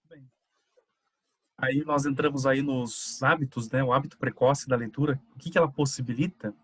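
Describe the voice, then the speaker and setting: A man's voice: medium pitch, fairly even intonation, normal speed, fairly bright tone, slightly rough, dry recording. Brazilian guy presenting a class seminar, chatty explaining, dry close sound. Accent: Brazilian Portuguese. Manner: conversational, explaining with examples and filler "né". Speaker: student presenter.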